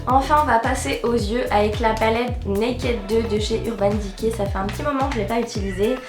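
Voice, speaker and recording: A woman's voice: fairly high pitch, a little fast. A young woman giving a casual makeup tutorial as a beauty vlogger, chatty and full of fillers like "euh" and "donc voilà". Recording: roomy voice with loud background music. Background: background music.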